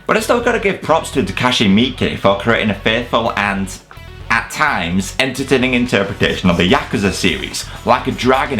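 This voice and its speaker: This is the host of a video review channel, a British man whose fairly low, slightly bright voice carries a scripted comedic countdown. He narrates it sarcastically, exaggerating and swearing as he goes.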